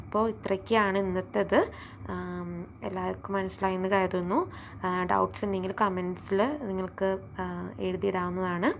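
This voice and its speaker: A woman's voice: mid-range voice, level tone, normal speed, vocal fry, a little hiss or hum. A woman teaching online. She spells words letter by letter and uses many fillers. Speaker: English teacher. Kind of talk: online lecture, casual sign-off.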